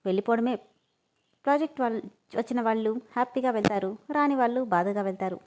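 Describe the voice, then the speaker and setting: Woman reading as a calm reassuring male boss. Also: fairly high pitch, fast, slight background noise, natural voice. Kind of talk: storybook reading.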